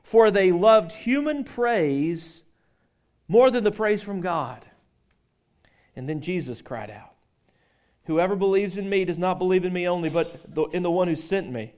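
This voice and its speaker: A man's voice: high voice, lively intonation, unhurried, a little mellow. Man preaching a conversational sermon. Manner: conversational, joking with the congregation, frequent restarts; reads scripture aloud. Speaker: pastor.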